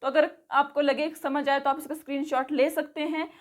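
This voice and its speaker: In a relaxed vocabulary lesson, a female English teacher with a light, high voice repeats every word slowly and spells it letter by letter. Her pitch barely moves, and a brief "okay" follows nearly each word.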